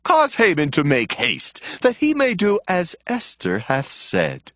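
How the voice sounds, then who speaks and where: Casting: a commanding, generous ancient king; unhurried, hugely varied intonation, Bible audio drama. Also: fairly high pitch, wildly swooping pitch, a bit bright, dry recording, studio quality, heavily acted. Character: powerful, magnanimous Persian king, grand and commanding.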